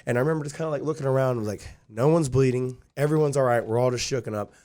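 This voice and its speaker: A young man talks rapid-fire in a slightly mellow, medium-pitched voice while telling a lengthy story about himself. As a podcast guest in casual conversation, he rambles and fills gaps with "like" and "dude."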